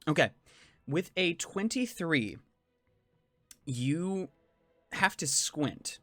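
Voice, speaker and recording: A man narrating a tabletop fantasy game as game master, in measured, descriptive second-person storytelling. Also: fairly high pitch, lively intonation, a bit bright, dry recording. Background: faint music.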